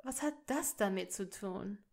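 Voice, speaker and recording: A woman voicing a cold, haughty older male aristocrat in a fan fiction audiobook, loud and sneering. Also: mid-range voice, animated, a little slow, vocal fry. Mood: curt.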